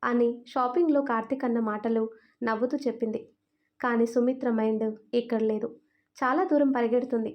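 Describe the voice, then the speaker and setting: A woman storyteller reading a family story as scripted narration, in an even, clear way. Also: a little high, fairly quick, lo-fi sound.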